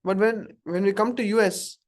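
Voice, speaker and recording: A man's voice: high voice, fairly even intonation, normal speed. Indian man teaching a scripture class. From Karnataka, India. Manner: conversational, asks the audience questions, chuckles at own examples. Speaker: spiritual teacher. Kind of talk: informal scripture class talk. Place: room with a live audience.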